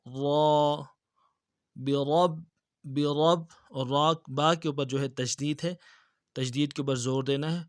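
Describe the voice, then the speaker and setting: A man teaching tajweed, reciting verses slowly and drawn out, then explaining briskly and repeating words for the learner. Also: medium pitch, fairly even intonation, dry recording, studio quality. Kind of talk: tajweed lesson with slow recitation.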